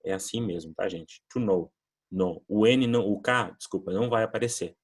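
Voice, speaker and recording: Speaking at a normal speed in a husky, low-leaning voice, a Brazilian man gives an English lesson that was recorded in class. He takes his time explaining words and models pronunciation drills for the students.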